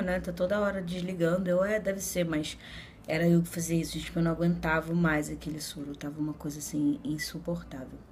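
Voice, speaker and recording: Young brazilian woman chatting to her followers, lowish voice, laughs a lot and acts out the quotes. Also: darkish tone, a little hiss or hum. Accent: Brazilian Portuguese. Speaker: vlogger. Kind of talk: casual storytelling to viewers.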